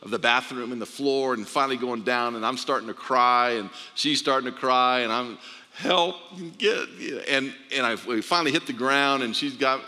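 A man shares a personal testimony, stumbling over and repeating his words as emotion rises. His voice is bright and forceful, and it rings out with a long reverb in a large church hall. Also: mid-range voice, steady tone, fairly quick, hardly any pauses. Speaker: speaker giving a testimony.

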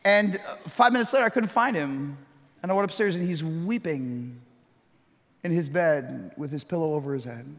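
Man preaching in an echoing hall. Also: fairly high pitch. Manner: swings from loud storytelling to hushed, slow reflection. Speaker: pastor. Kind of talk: sermon.

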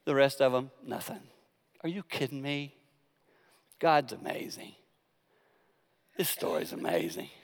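A male preacher telling a sermon story in a colloquial, animated way, with frequent restarts. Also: medium pitch, a little slow, vocal fry, long pauses, long reverb tail.

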